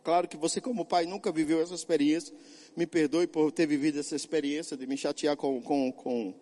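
A man's voice: on the high side, steady tone, fairly quick, mellow, long reverb tail. A middle-aged male pastor preaching a sermon, emphatic, often asking and answering his own questions.

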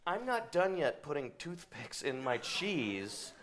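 An actor playing an odd, coy neighbor in an improv comedy sketch, speaking in a slow, quirky, deliberate way. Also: male voice, on the high side, very animated, background noise. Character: odd, coy neighbor fussing over toothpicks and cheese.

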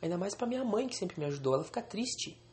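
A man's voice: high voice, big pitch swings, fast talker, a little mellow. A young man venting angrily and swearing on a solo podcast recorded alone at home.

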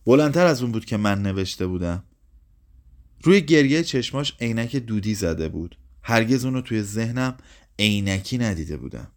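A man narrating a literary short story in a calm, measured, subdued way. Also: fairly low pitch.

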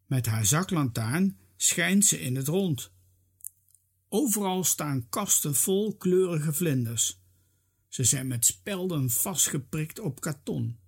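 A narrator reading a children's story aloud in an expressive, lively manner. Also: medium pitch, takes it slowly, slightly rough.

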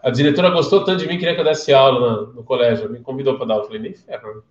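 Speaking very fast in a mid-range voice, this Brazilian man with a Brazilian Portuguese accent runs a relaxed livestream class, spinning stories and firing questions at his audience. His echoey room comes through with the high frequencies cut off.

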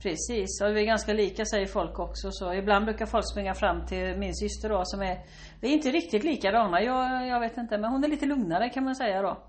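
A woman in improvised comic banter, rambling, teasing and swearing freely. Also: mid-range voice.

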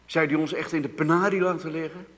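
A man preaching a sermon, moving from hushed, slow passages to loud, emphatic outbursts. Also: on the high side, fairly even intonation. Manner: dramatic swings between hushed and loud emphasis. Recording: long reverb of a church hall.

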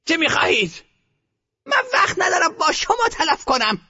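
A man voicing an imperious, frantic old grandmother gambler who shouts commands. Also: very high voice, huge pitch swings, lo-fi sound, pitched above the performer's own voice, heavily acted. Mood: bossy.

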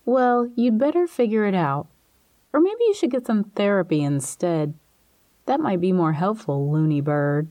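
A woman's voice: mid-range voice, very animated, normal speed, warm tone, dry recording, natural voice. A woman voicing a skeptical adult sister who teases and mocks her brother, in a storybook reading. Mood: teasing. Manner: teasing, amused.

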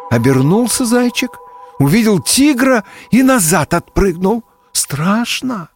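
A man narrating a fairy tale as a storybook reading, slow and expressive. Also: high-pitched, faint music behind.

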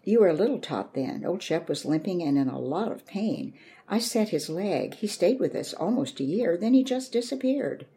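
Low-voiced, mellow read of a calm country doctor father, read by a woman. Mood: gentle. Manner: calm, measured and gentle.

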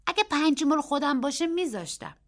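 A woman voicing an excitable, secretive young boy in a storybook reading, insistent and breathless. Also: high voice, pitched above the performer's own voice. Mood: eager.

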